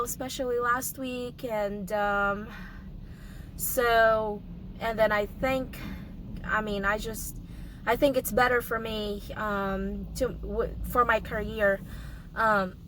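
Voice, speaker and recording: Young woman, sick and hoarse, slow unhurried vlog chatter, slightly high voice, faint room hum behind. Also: bright, forceful tone, rough recording. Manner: halting, many ums and restarts. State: hoarse from a cold, coughing. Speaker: vlogger. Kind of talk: casual vlog update.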